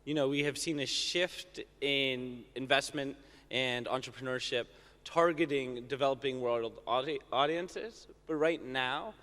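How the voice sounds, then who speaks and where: A man speaking as a panelist in a conference discussion, talking quickly and casually with fillers. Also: medium pitch, a bit bright. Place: conference stage. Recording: reverberant conference hall.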